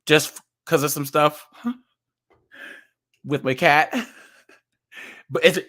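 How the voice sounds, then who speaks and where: A man's voice: fairly high pitch, expressive, drawn-out words, sharp tone. A young man giving casual reaction commentary as a streamer, chatty, laughing often and restarting his words as he reads.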